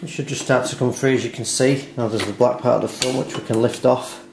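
A man sits at a home dining table narrating a step-by-step repair tutorial with care and no hurry; his mid-range voice is steady, fairly quick, and marked by vocal fry. The sound is roomy and echoey, with background hiss and handling clicks.

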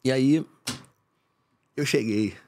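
A man, a podcast guest telling a family story in a lively, casual way. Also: mid-range voice, slow, creaky, a little hiss or hum. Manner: animated storyteller who acts out voices.

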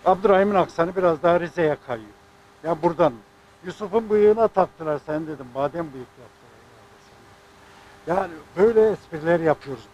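A man's voice: fairly high pitch, a little fast, darkish tone, muffled recording, slight background noise. An older man speaking as a sports club president, making an indignant, rambling statement. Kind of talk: press statement.

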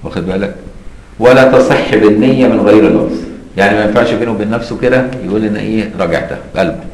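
A man's voice: on the low side, racing, a little mellow, reverberant, low-quality recording. A man teaching an Islamic law lesson with an Egyptian accent, explaining in colloquial asides and often checking "got it?". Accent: Egyptian Arabic. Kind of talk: classroom lesson on a legal text.

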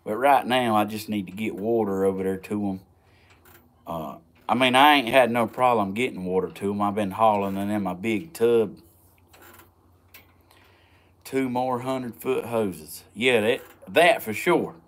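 A man with a Southern US accent and a slow, folksy drawl, chatting casually to viewers as he vlogs outdoors. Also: lowish voice. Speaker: vlogger. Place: outdoors, rural yard and woods.

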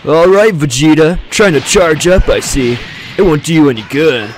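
A man acts out a cocky young cartoon fighter in an impression voice, pitched a bit high. He boasts casually and flusters easily, a goofy martial artist, with game music and blasts behind him. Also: moderate pace, natural voice. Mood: boastful.

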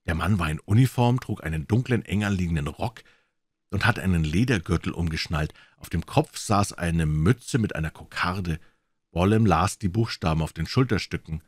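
A man reading a classic crime story aloud with dramatic, expressive narration. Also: deep voice, moderate pace, slightly rough, no echo. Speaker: audiobook reader.

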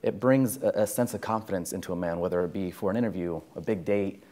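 A man's voice: low voice, quick pace, mellow. A man reflecting earnestly on barbershop culture in a documentary interview in a barbershop.

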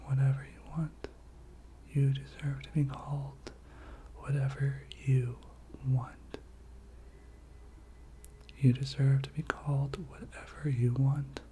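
A person giving a whispered pep talk in soft, breathy ASMR style, repeating short encouraging phrases. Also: medium pitch, level tone, slow, long pauses, slight background noise.

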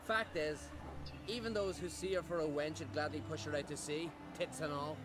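A blunt, insulting island brawler, voiced by a man for a video game, taunting with folksy, old-fashioned turns of phrase. His voice sits a little higher than most men's. Game music plays clearly behind him. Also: fairly even intonation, normal speed, natural voice. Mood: scornful.

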